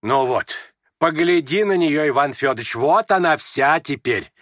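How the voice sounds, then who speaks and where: A man's voice: fairly high pitch, lively intonation, moderate pace, no room sound, clean studio sound. A man voicing an imperious, exclamatory mother. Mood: tearful joy. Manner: loud, exclamatory. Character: emotional, imperious middle-aged mother.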